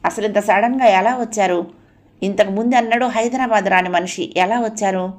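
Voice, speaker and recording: A woman's voice: medium pitch, a little fast. Woman narrating an audio novel. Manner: expressive storytelling.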